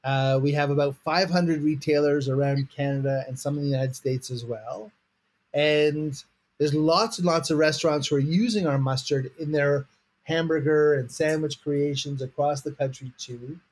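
A man's voice: on the high side, fairly even intonation, moderate pace, slightly rough. A man chatting casually as a guest, playful and often repeating words as he goes. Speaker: guest, mustard maker. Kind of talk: casual chat.

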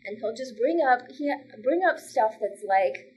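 A woman's voice: fairly high pitch, lively intonation, a little slow, darkish tone, slight background noise, low-quality recording. A woman stand-up comedian chatting casually as a podcast guest, talking loosely with lots of "like" fillers and frequent laughter.

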